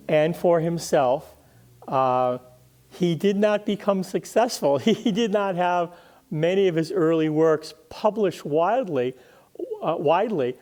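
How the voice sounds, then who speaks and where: Speaking as a guest historian in an interview, an older man talks conversationally in a rather high voice with a darkish tone. He is thoughtful but halting, frequently going back over words.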